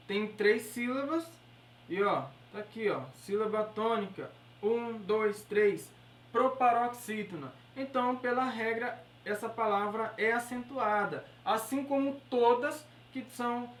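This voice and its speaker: A woman with a Brazilian Portuguese accent teaching an exam-prep grammar lesson, explaining step by step and checking in with her listeners. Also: a little high. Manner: explanatory, checks in with "beleza?" and "certo?". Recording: echoey room, voice from far off the mic.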